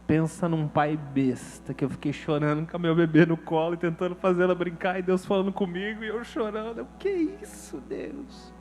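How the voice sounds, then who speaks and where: A high-pitched Brazilian pastor preaching a sermon to his church. He tells his story with feeling and casual slang. His voice sits notably high for a man. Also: steady tone, brisk, hardly any pauses, a little mellow, soft background music. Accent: Brazilian Portuguese. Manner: emotional, storytelling with slang and acted quotes.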